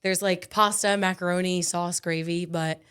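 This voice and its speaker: A woman's voice: lowish voice, steady tone, moderate pace, a bit bright, clear, resonant tone. Giggly young woman from New Jersey. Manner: giggly, nervous, rambling. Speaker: podcast guest. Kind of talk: casual podcast chat.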